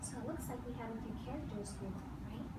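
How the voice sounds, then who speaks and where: An elementary school teacher, a woman with a voice on the high side, reads aloud and gives instruction to young children seated around a classroom. She issues firm, short directions and deliberately repeats key phrases, captured by a distant camera across the room in an echoey, noisy recording made from far off.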